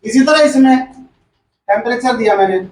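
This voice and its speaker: Guy teaching class, really high voice, repeats stuff and quizzes students, sounds far off in a room. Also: normal speed, slight background noise. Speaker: chemistry teacher. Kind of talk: classroom lecture. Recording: echoey room, far from the mic.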